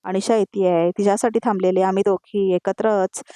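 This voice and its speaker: A woman's voice: mid-range voice, steady tone, brisk, warm tone, smooth, no echo, clean studio sound, natural voice. A woman voicing a polite, slightly flustered young daughter-in-law.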